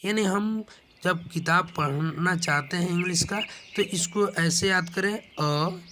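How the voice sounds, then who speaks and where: A man teaching a slow spoken lesson, patiently going over each letter and its sound again and again. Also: high-pitched, noisy background. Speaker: English teacher. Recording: clear bird sounds in background. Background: birdsong.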